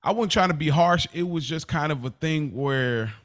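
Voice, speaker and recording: A podcast host in his thirties speaks candidly and casually at a moderate pace, his voice fairly high. He's emphatic and repetitive, confiding in a slangy way.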